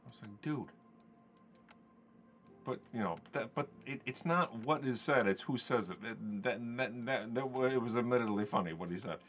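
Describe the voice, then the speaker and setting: A man's voice: mid-range voice, brisk, hardly any pauses, a bit bright, slight background noise. A man telling stories on a podcast in a rambling, conversational way, acting out the dialogue he quotes. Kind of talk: casual podcast storytelling.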